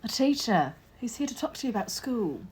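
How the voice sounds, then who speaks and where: A woman's voice: on the high side, sing-song, fairly quick, a little mellow, husky, heavily acted. A woman playing a stern, cold matron at a children's home, with a clipped, nasal, curt way of speaking. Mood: brisk.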